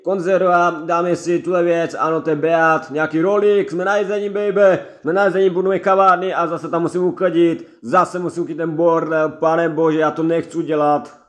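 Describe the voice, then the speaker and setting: A man with a high-pitched voice running through a let's-play, talking straight to his viewers and repeating himself as he goes. He has a head cold and keeps up a loose, rambling commentary over the game. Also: flat delivery. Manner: chatty, repetitive, keeps addressing viewers. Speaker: gaming let's-play creator. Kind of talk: casual gameplay commentary.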